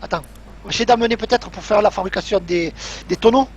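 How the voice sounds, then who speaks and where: A man's voice: sits high, fast, slight background noise. A man chatting and joking casually as a co-player on a live gaming stream, laughing often.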